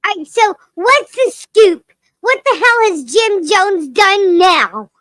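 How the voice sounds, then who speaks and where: A piercing, childlike cartoon lemur. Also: female voice, very high voice, expressive, takes it slowly, no echo, studio quality, exaggerated voice. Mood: mock-indignant. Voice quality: piercing, loud, sharp. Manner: playful, giggly, potty-mouthed. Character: childlike cheeky crude lemur puppet named Crayola. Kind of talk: improvised live-stream character comedy.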